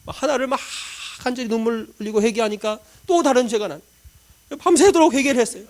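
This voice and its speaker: High-voiced man preaching an emotional sermon. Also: fast talker. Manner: emotional personal storytelling, swinging from loud pleading to hushed murmurs; acts out his own past prayers. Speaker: pastor.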